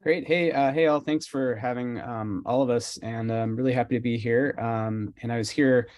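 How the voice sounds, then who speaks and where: A man's voice: mid-range voice, steady tone, moderate pace, a little mellow. A man introducing himself as an anthropologist on a panel, casual and a bit hesitant, with fillers.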